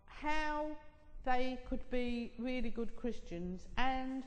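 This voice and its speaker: A woman's voice: high voice, animated, takes it slowly. A woman giving an informal talk to a church group, recorded in a reverberant hall. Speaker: co-presenter at a church gathering. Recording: echoey hall with long reverb.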